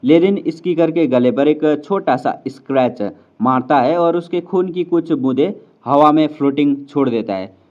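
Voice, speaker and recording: A man casually narrating a fantasy novel recap, chatty and addressing viewers as friends. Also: mid-range voice. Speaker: storyteller explaining a novel. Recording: slightly dull lo-fi sound.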